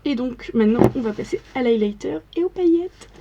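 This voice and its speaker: A woman's voice: fairly high pitch, lively intonation, brisk, lo-fi sound, noisy background. A young woman chatting casually through a makeup tutorial, narrating each step as she works in front of the camera. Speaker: makeup vlogger.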